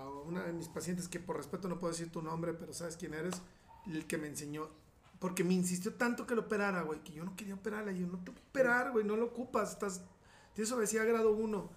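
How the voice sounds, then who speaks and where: High-voiced Mexican man, blunt and slangy. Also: slight background noise. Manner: slangy, blunt, swears freely. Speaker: surgeon guest. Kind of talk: casual podcast chat. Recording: roomy echoey room.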